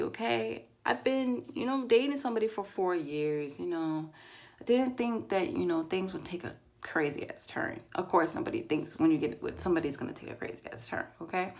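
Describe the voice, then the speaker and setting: A middle-aged woman vlogging casually to her camera, rambling and heartfelt with many fillers. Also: mid-range voice. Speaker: vlogger, mom of four. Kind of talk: casual personal vlog, talking to camera.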